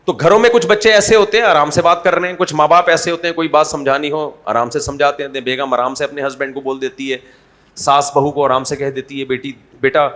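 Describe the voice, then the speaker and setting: A man's voice: on the high side, fairly even intonation, fairly bright tone. A man preaching an Islamic sermon in a conversational, humorous way, asking the audience rhetorical questions. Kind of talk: Urdu sermon.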